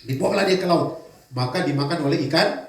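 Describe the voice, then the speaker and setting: A man's voice: a little high, a little fast. Man preaching in an echoey hall. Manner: lively preaching with rhetorical questions. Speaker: pastor. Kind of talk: sermon. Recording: echoey church hall from far off.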